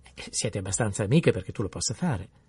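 A man's voice: lowish voice, lively intonation, brisk, darkish tone, slightly rough, no room sound, recorded from a distance. A man voicing an eager clerk husband.

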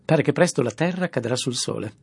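A man voicing a brash, domineering rich man in an audiobook, booming and emphatic, with faint music behind. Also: expressive, a little fast, vocal fry, slightly rough, no room sound. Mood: jovial. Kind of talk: audiobook character voice.

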